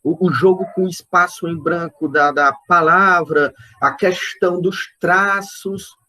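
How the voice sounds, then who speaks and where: A man with a Brazilian accent giving an online poetry lecture, speaking slowly and searchingly, repeating words and checking in with his listeners. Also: high-pitched, steady tone, sharp tone. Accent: Brazilian Portuguese. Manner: counts out poetic syllables and stresses aloud. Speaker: literature lecturer.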